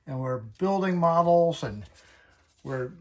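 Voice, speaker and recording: A man hosting a hobby channel, talking through a casual tutorial in a chatty, folksy, unhurried way. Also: fairly high pitch, lively intonation.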